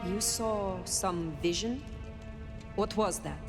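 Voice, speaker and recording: A woman's voice: mid-range voice, slow pace, loud music behind the voice. An actress playing a composed, businesslike old vampire in a video game, formal and terse in her questions. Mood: composed, questioning. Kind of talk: video game dialogue acting.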